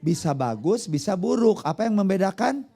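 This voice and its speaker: Man, pastor, sermon, dark tone, husky voice, question-and-answer style. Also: high-pitched, very animated, normal speed. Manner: conversational, asks the congregation questions.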